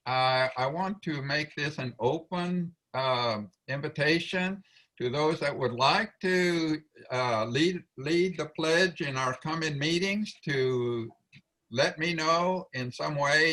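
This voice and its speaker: A man chairing a club meeting over a video call, speaking deliberately with frequent fillers and restarts. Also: mid-range voice, a bit bright. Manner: many fillers and restarts, slow deliberate delivery.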